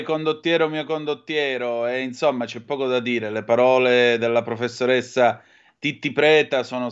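Smooth-voiced man hosting radio. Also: mid-range voice, muffled recording. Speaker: radio host.

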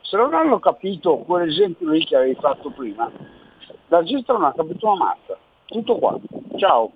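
A man calls into a radio show and speaks bluntly and emphatically. His voice is gravelly with a lively, swinging pitch. The call comes through a tinny phone line with faint background noise. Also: normal speed. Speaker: caller.

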